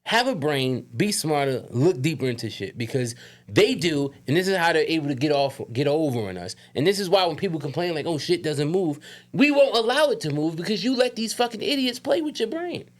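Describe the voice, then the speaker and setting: A man's voice: fairly high pitch, sing-song, fairly quick. A man co-hosting a podcast, ranting emphatically with profanity and a slight lisp. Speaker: podcast co-host. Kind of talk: casual heated podcast chat.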